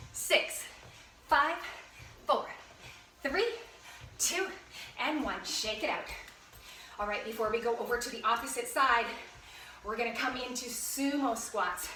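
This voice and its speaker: A woman's voice: high voice, bright, forceful tone, recorded from a distance. A woman leading a home workout, counting reps and giving upbeat, encouraging cues while out of breath. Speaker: fitness instructor. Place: room at home. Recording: echoey room, voice off-mic.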